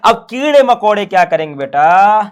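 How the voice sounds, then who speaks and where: Man, high voice, playful teacher, rhetorical questions. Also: sing-song, moderate pace, smooth. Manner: playful, asks rhetorical questions, calls students "son". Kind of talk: classroom science lecture.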